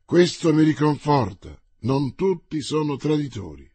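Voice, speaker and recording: A man's voice: fairly high pitch, very animated, a little slow, dark tone, husky, no room sound, exaggerated voice. A man doing a proud, desperate king. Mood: rallying. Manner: commanding cries.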